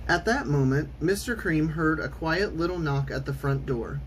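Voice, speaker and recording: A man reading a children's storybook aloud in an expressive, theatrical way with clear enunciation. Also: fairly high pitch, moderate pace, slight background noise. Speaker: storytime reader.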